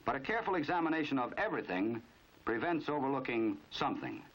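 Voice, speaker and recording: Fast and full of big pitch swings, a medium-pitched American man narrates a 1950s crime training film. His knowing, dramatic storytelling carries a wry, measured mood. The recording is a dull, band-limited 1950s film soundtrack.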